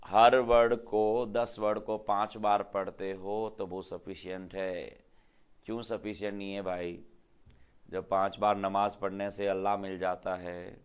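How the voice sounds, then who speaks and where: Deep-voiced man teaching vocabulary. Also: smooth. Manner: repetitive, drills words with quick questions. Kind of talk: classroom vocabulary lesson.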